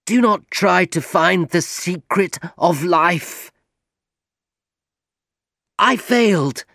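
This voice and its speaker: A feverish young man on his deathbed, bitter and bent on revenge, speaks in a slow, worn-out voice, as a male narrator puts him on. The recording is close and dry, with no room sound. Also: high-pitched, expressive, bright, forceful tone, no room sound, pitched above the performer's own voice, heavily acted. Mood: weak, pleading. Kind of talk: audiobook reading.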